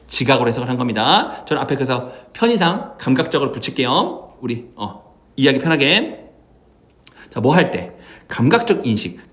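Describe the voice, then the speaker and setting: A man teaching English vocabulary in an exam prep lecture, checking in with his students again and again as he explains. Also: mid-range voice. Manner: lively, asks students constant check-in questions.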